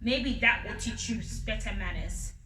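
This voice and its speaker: A woman voicing a short-tempered male lion king in a storybook reading, with loud, stern pronouncements. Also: medium pitch, moderate pace, noisy background, lightly acted. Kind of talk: storybook read-aloud. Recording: roomy sound from a distant mic.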